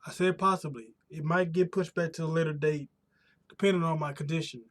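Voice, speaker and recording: This American man's voice is on the high side, steady in tone and a bit bright, and he talks a little fast. He's chatting casually on a live stream from a room in his home in the United States, rambling and frequently restarting or rephrasing. His voice sounds a bit worn from a pollen allergy.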